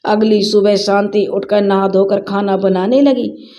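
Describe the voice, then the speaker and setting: A woman telling a family drama story in steady, dramatic narration. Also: mid-range voice, measured pace.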